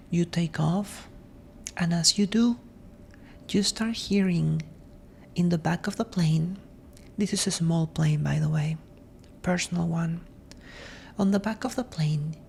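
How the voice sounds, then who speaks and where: A woman speaking in a soft, breathy ASMR voice that often drops into a whisper, gentle and reflective, as if helping someone sleep. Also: fairly low pitch, slight background noise. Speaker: ASMR host.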